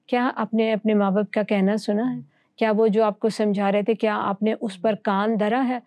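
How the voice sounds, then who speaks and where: A woman's voice: mid-range voice, fairly even intonation, darkish tone, no room sound. A woman teaching from the Bible in conversation, earnest and fond of rhetorical questions.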